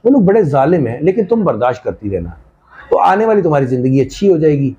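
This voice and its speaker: A man voicing a scheming middle-aged mother who gives slow, patient advice, recorded on slightly dull lo-fi audio. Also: fairly high pitch, big pitch swings, dark tone. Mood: scheming, instructive.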